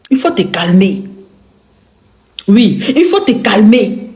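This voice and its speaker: A woman's voice: medium pitch, very animated, takes it slowly, a little mellow. A woman with an Ivorian French accent giving a confrontational rant to camera. She repeats her lines for emphasis and throws insults. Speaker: online commentator. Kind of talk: angry direct-to-camera rant. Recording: echoey room.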